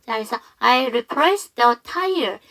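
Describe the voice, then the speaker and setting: A woman teaching an online English lesson who explains patiently and reads example sentences slowly. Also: fairly high pitch, lively intonation, a bit bright.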